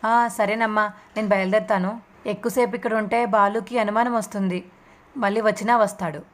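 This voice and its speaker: A woman's voice: mid-range voice, fairly even intonation, fairly quick, close to an everyday voice. A woman voicing a guilt-ridden young mother who pleads in a sorrowful tone. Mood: grieving.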